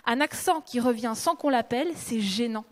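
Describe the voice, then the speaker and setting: A woman novelist reading a passage of her own book aloud in a lively, expressive way. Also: a little high, moderate pace.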